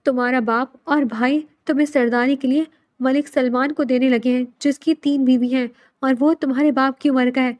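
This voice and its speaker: A woman's voice: sits high, fairly even intonation, darkish tone, lightly acted. A woman reading a frantic protective mother. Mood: urgent. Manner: urgent, imploring. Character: anxious middle-aged mother, protective.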